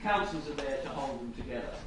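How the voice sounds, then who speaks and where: Male conference speaker, rushed and stammering lightning talk with dry asides; distant mic, clearly noisy room. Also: medium pitch, expressive, very echoey. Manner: halting, with stammered word repeats. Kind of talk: live public presentation with wry asides. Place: indoor event room with an audience.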